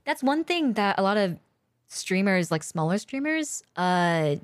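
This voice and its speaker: Woman co-host chatting about streaming, very animated up-and-down voice, dry sound, swears a lot. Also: medium pitch, a little slow, no echo. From lives in Japan. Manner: candid, swears freely, lots of fillers. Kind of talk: casual chat.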